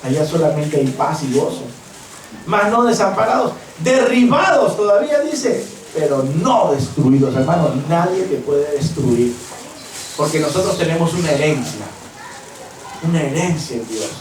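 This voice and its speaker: Peruvian pastor preaching in an echoey church. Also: male voice, fairly high pitch, very animated, moderate pace, distant mic, a little hiss or hum. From Peru. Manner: impassioned preaching, acting out quoted voices. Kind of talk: sermon. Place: church hall.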